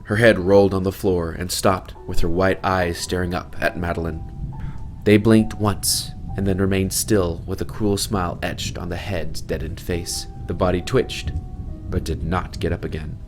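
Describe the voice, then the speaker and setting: Deep-voiced man narrating a dark novel. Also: steady tone, normal speed, over music. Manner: dramatic, swelling on violent moments. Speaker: author narrator. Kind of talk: dramatic audiobook narration.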